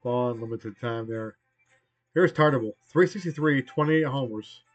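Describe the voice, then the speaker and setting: With faint music in the background, a forties-aged man talks through a baseball replay in loose, casual play-by-play. His medium-pitched voice is a little slow and worn hoarse by a lingering cold, he keeps trailing off mid-thought, and the slightly muffled home setup dulls the sound.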